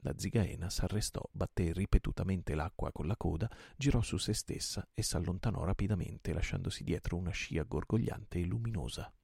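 A man narrates an old adventure novel for a night-time reading, with dramatic, lively phrasing. His voice is low and husky with heavy fry, recorded dry and close. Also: brisk, hardly any pauses, no room sound. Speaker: audiobook reader.

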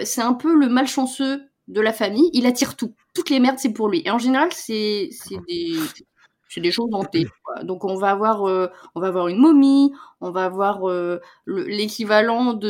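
A woman co-hosting a podcast, talking casually about a TV series with many fillers and restarts. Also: medium pitch. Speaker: podcast co-host reviewing series. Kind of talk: casual chat.

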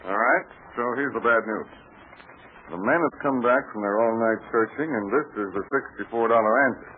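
An actor playing a tough, plain-spoken American adventurer who takes charge in a 1940s radio serial. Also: male voice, mid-range voice, a little fast, close to an everyday voice. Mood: grim, businesslike. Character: tough, brisk American adventurer leading commandos. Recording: scratchy 1940s radio recording, narrow band.

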